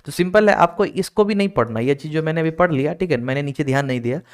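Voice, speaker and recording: A man teaching an online exam-prep reasoning class, explaining each step and keeping students moving with quick check-ins. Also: a little high, animated, smooth. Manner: explains step by step, keeps checking with "ठीक है?" and urging students to hurry. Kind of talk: recorded class lecture.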